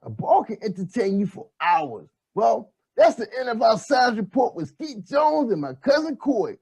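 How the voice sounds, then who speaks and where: A man voicing an excitable boyish puppet who hosts a kids' show like an overbright party host, with a husky voice and hyped, exclamatory delivery. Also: very high voice, normal speed, heavily acted. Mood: chatty, upbeat. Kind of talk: children's puppet show presenting.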